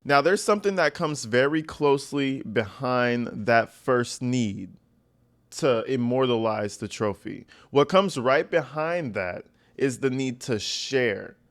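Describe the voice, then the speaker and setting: A man's voice: medium pitch, expressive, slow pace. Blunt, slangy man giving emphatic commentary. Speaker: host of a true-crime commentary show. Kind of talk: informal opinionated commentary.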